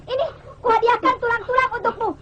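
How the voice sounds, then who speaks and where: A woman playing a lively, spoiled young warrior girl in an old radio drama, pouty and taunting. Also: very high-pitched, fast, a little hiss or hum. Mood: gleefully mocking.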